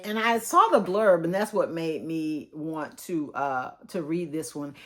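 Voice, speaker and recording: A Texan woman in her fifties talks through a book review in a relaxed, rambling way. Her voice sits a bit low for a woman, and she calls her viewers y'all. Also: measured pace. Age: 50s. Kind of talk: casual book-review vlog.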